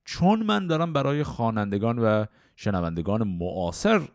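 Man, podcast teacher, expressive rising and falling voice, dry close mic. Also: on the low side, no echo. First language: Persian. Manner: clear, teacherly explaining, slow measured verse recitation. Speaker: podcast host teaching classical poetry. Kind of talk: explanatory podcast lecture with recited verse.

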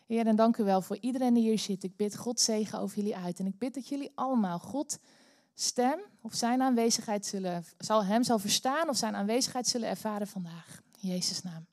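A Dutch woman preaching a sermon in church, telling a story with animated bursts of energy. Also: medium pitch, a little fast, dry recording, studio quality. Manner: animated, bursts into loud cheering when acting out the story. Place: church hall.

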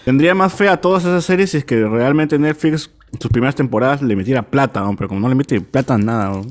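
A man's voice: medium pitch, quick pace. A man in casual chat, musing aloud with opinions. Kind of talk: casual chat among friends.

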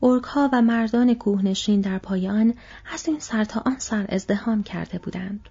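A woman reading an audiobook in hushed, half-whispered narration, in a dull lo-fi recording. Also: mid-range voice, husky. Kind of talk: scripted narration.

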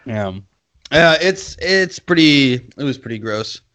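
A man's voice: mid-range voice, lively intonation, slow, a bit bright. A man co-hosting a podcast in casual chat, rambling and swearing, often laughing between phrases. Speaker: podcast co-host. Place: podcast studio.

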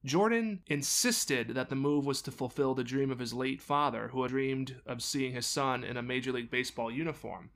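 A man's voice: mid-range voice, moderate pace, few pauses, a bit bright, a little hiss or hum. A man hosting a podcast, reading a scripted sports story with wry, sarcastic asides. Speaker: podcast host.

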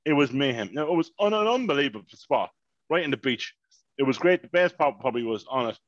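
A man, telling a long, animated story in casual podcast chat and swearing freely. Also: mid-range voice, fast, no room sound, muffled recording. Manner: animated, swears freely, repeats "mayhem" and "unbelievable". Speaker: podcast co-host.

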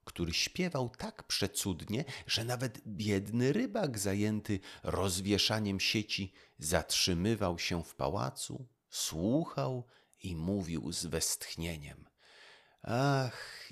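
A man narrating a fairy tale as a gentle, unhurried bedtime story reading. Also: on the low side, expressive.

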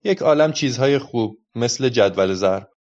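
A man's voice: medium pitch, lively intonation, darkish tone, natural voice. A man voicing a patient, patronizing adult policeman who lectures a child, in a dull lo-fi recording. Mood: lecturing.

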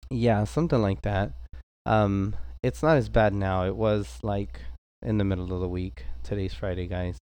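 Stuffy-nosed man chatting, mellow congested voice. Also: fairly low pitch, moderate pace, clear, resonant tone. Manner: rambling, informal, slips into Spanish. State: congested with allergies. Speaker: podcast co-host. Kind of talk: casual chat.

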